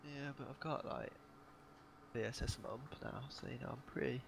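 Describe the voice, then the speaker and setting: A man's voice: medium pitch, fairly even intonation, normal speed, creaky. A man chatting casually with a teammate during an online shooter game, laid-back and easygoing. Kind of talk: casual gaming chat. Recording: noisy online voice chat.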